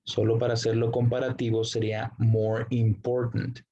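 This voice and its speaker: A man teaching an English grammar lesson, slowly explaining the rules, spelling out letters and translating every example. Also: mid-range voice, completely flat delivery, mellow, breathy edge, highs cut off.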